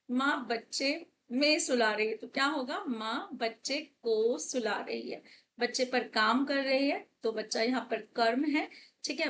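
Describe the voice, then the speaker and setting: A woman's voice: high voice, a bit bright, a little hiss or hum. A young woman teacher working through exam questions, asking and answering her own questions as she explains. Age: young adult. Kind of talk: exam paper walkthrough lesson.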